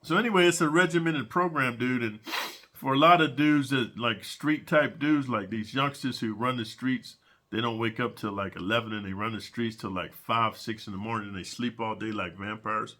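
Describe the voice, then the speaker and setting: Here a middle-aged man of medium pitch and fairly bright tone talks at a moderate pace. His prison stories come out casual and meandering, broken up by allergy sniffles and endless "man" and "dude."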